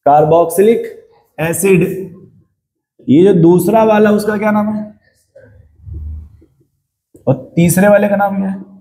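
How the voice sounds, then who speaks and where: Guy teaching chemistry, high mellow voice, asks the class stuff, cracks jokes, echoey room. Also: fairly even intonation, a little slow, pauses often. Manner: chatty, asks the class questions, tells jokey anecdotes. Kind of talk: classroom lecture.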